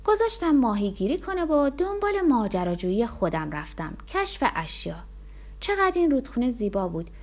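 Female storybook narrator; expressive first-person telling, animated pitch. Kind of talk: storybook reading.

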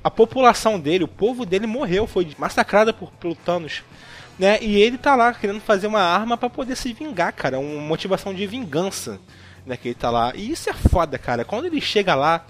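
A man's voice: sits high, very animated, brisk. A man with a Brazilian accent in a casual film discussion as a podcast host, speaking emphatically with slang and swearing.

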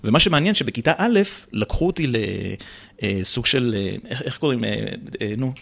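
Animated male comedian, lively storyteller. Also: mid-range voice, gravelly. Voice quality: slightly rolled r. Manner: animated storyteller who slips into impressions. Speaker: guest, stand-up comedian and actor. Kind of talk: casual interview chat.

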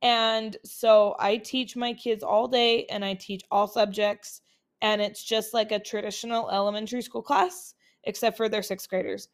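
Speaking at medium pitch and a moderate pace with a flat delivery, this young woman from Utah runs a casual solo podcast on her laptop's built-in microphone. Her voice is still getting over colds, yet she stays chatty and upbeat, full of fillers.

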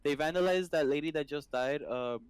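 A man in a casual group chat, swearing heavily and talking in an animated way. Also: on the high side, fairly quick, smooth, rough recording.

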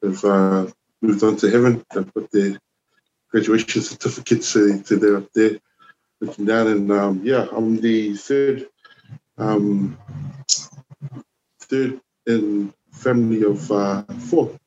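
A man in his forties from New Zealand, a youth worker chatting as a podcast guest, relaxed and rambling with lots of "you know" and "man". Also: lowish voice, slow, pauses often, lo-fi sound, slight background noise. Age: 40s. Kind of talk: casual conversation.

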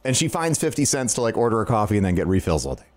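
Animated man hosting a podcast. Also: fairly low pitch, racing. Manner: animated storyteller, laughs often. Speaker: podcast host. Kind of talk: casual chat.

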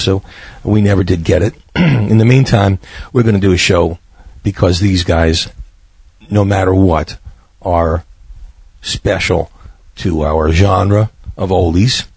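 A man hosting an oldies radio show in a conversational, halting way, his voice raspy and hoarse from being a little under the weather. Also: deep voice, a little mellow, no room sound. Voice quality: husky, raspy.

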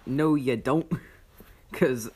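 A man's voice: medium pitch, extremely slow, darkish tone. Young man narrating as game master. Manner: dramatic lore narration and teasing banter.

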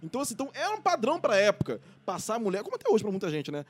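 A man's voice: high-pitched, rapid-fire, slightly rough. A man, telling personal stories in casual slangy chat with frequent laughs. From Brazil. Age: late 30s. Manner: animated storyteller, slangy, laughs often. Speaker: podcast co-host.

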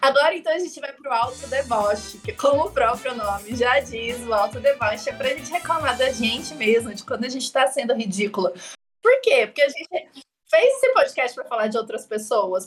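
A young woman with a bright, high-pitched voice co-hosts a chatty podcast. She talks in a playful, self-mocking way and breaks into laughter often. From outside Belo Horizonte. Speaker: podcast co-host. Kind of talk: casual chat.

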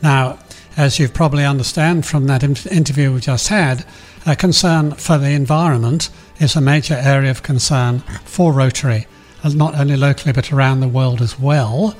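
A man's voice: mid-range voice, steady tone, moderate pace, faint music behind. An Australian man hosting a community radio programme in a chatty way, addressing listeners directly and interviewing guests.

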